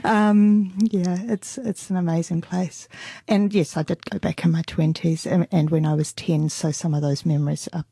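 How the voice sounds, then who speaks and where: A middle-aged woman from England, a radio guest chatting casually and hesitantly, with many ums and soft laughs. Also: lowish voice, steady tone, normal speed, slightly rough, no room sound. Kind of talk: casual interview chat.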